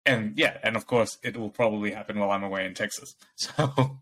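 Chatty man with a bright tone. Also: fairly low pitch, fairly quick. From Bangladesh. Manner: rambling, laughs often, acts out quoted dialogue. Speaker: podcast co-host. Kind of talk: casual chat.

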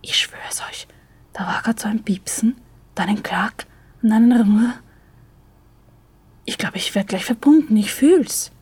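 A woman's voice: mid-range voice, a little slow, husky, no room sound. A woman voicing a nervous, hesitant young man in an audio story. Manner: excited, hesitant.

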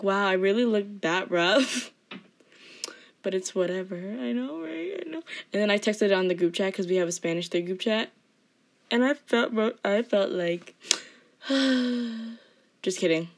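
A teenage girl chatting casually in a vlog, rambling with lots of fillers in a fairly monotone way. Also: mid-range voice. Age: teens. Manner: rambling, filler-heavy talk with frequent "like"; self-described monotone delivery. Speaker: student vlogger.

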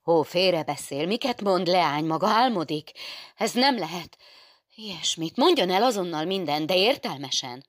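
A woman's voice: fairly low pitch, animated, no echo, clean studio sound, voice pushed up. A woman voicing a stern, fretful middle-aged nun superior who scolds and gives orders in an agitated way. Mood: alarmed.

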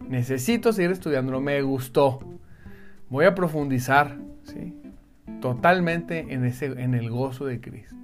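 A Bible teacher, giving devotional teaching in an animated, conversational and emphatic way. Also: mid-range voice.

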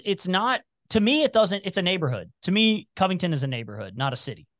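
A man's voice: high-pitched, fast, dry recording, clean studio sound. A man from Cincinnati with a slight Appalachian twang, chatting casually and rambling as a podcast guest. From Cincinnati, Ohio, US. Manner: rambling, animated, many restarts.

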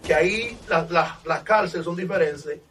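High-voiced fervent preaching man. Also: moderate pace, recorded from a distance. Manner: impassioned, swings from loud exclamations to hushed storytelling. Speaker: pastor giving testimony.

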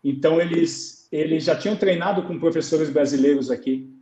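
A Brazilian man, a goalkeeper coach, recounting his experiences in a relaxed interview, acting out dialogue as he tells stories. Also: on the high side, moderate pace, roomy sound, rough recording. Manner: storytelling, acts out dialogue. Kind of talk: conversational interview on a live stream.

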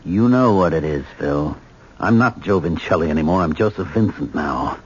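Low, menacing avenger, muffled sound. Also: male voice, expressive, slight background noise. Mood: cold menace. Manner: menacing, taunting, deliberate. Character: vengeful man coldly menacing his betrayer with a razor. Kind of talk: radio mystery drama acting. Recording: dull old radio broadcast.

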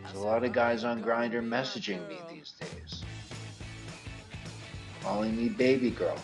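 A man with a gravelly smoker's voice giving a candid, theatrical, rambling personal monologue as a host, in a wordy way. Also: medium pitch, unhurried, music in the background.

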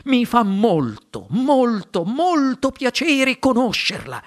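An eccentric chocolate-maker speaks with theatrical glee and a voice raised above the narration, as the reader puts him on. His pitch leaps about in storybook fashion. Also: huge pitch swings, takes it slowly. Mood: exuberant. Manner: exuberant, theatrical. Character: eccentric, cheerful chocolate-maker, middle-aged man.

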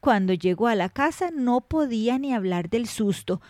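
A woman narrates a folk tale for children, shifting expressively as the story moves. Her voice is mellow and dark. It is recorded close and dry, no room echo. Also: fairly high pitch, lively intonation, moderate pace. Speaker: storyteller host. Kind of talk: scripted narration of children's stories.

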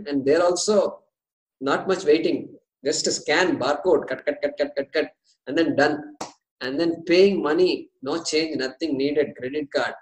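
A man with an Indian accent giving an explanatory religious discourse, deliberate and repeating key phrases for emphasis. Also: fairly high pitch. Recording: echoey room.

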